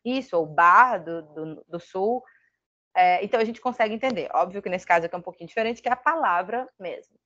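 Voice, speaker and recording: A woman's voice: mid-range voice, brisk, fairly bright tone, lo-fi sound. Chatty Brazilian woman teaching English. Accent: Brazilian Portuguese. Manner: chatty, thinks aloud, self-deprecating asides. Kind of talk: casual online lesson.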